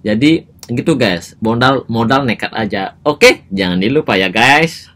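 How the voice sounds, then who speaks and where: A man from Bali giving casual, animated advice to his viewers in a vlog. He keeps calling them "guys" and his voice jumps up high to stress a point. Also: a little slow. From Bali, Indonesia. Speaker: vlogger giving advice on speaking English. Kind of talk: casual advice talk to camera.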